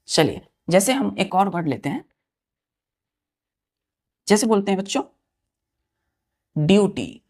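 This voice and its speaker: A woman teacher leads an exam-prep grammar lesson at a middle pitch. She spells words out one letter at a time, repeats each key term, and keeps turning to her students with quick questions. She addresses them as children. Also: darkish tone.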